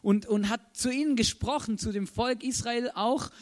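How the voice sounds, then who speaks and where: A man's voice: extremely high pitch, normal speed. A man preaching a casual sermon, chatty and often checking in with the audience. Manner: chatty, keeps asking "oder?".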